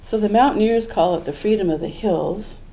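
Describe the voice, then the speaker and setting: A woman's voice: mid-range voice, fairly quick, warm tone, rough recording. An older woman telling a true story at a live event, in an earnest, reflective way. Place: small museum event room.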